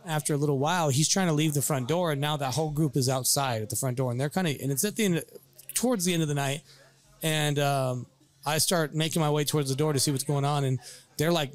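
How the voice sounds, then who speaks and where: A man telling a bar fight story on a podcast in a casual, animated way. He swears freely and acts out the lines the others said. His voice sits at an ordinary middle pitch.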